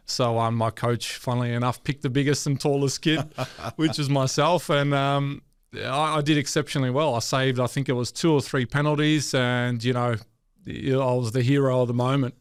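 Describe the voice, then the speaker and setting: A former goalkeeper from Western Sydney, Australia, reflects on his football upbringing in a casual interview, thoughtful and full of fillers and restarts. His mid-range voice is smooth, with fairly even intonation and normal speed. The studio-quality recording has no room sound.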